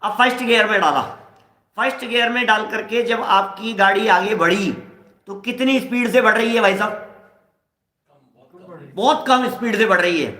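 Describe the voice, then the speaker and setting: A man's voice: sits high, normal speed, long pauses, pushed and bright, echoey room. A middle-aged man teaching a scripture class in a conversational way, explaining with everyday examples and acting out quoted dialogue. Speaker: religious teacher.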